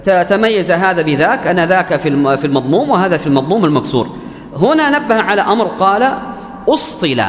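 A man lectures on recitation rules, putting questions to his listeners and then answering them himself. His voice sits high and swings widely in pitch as he works through each point. The sound carries a long reverb from a large hall, with a faint wash of ambience behind it. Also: a bit bright. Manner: asks questions and answers them himself, repeating key terms; intones quoted verse lines slowly. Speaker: Quran recitation teacher. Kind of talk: classroom lecture explaining a verse text.

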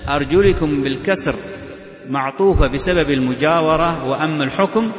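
A man teaching from a classical text, explaining in a measured way, repeating key phrases and lightly chanting verses. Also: a little high, fairly bright tone. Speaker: Islamic scholar teaching. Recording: echoey reverberant hall.

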